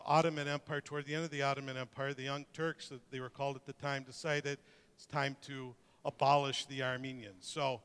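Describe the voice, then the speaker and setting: A man's voice: fairly high pitch, a bit bright, clear, resonant tone, big-room sound. A middle-aged man from Detroit, giving a joking, conversational talk with many restarts. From Detroit, USA. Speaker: speaker presenting to an audience. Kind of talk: informal presentation talk.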